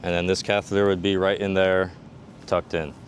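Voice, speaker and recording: A man's voice: deep voice, flat delivery, moderate pace, slight background noise. A man working as a combat medic instructor, giving a hands-on demonstration and methodically explaining each step.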